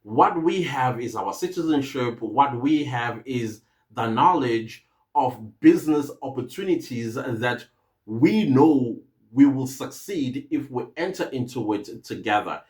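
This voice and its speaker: A man's voice: medium pitch, expressive, measured pace, a little mellow. A man with a South African accent hosting a podcast, talking to his viewers in an earnest, rambling way and often stopping to hesitate and restart. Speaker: podcast host. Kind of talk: casual podcast monologue.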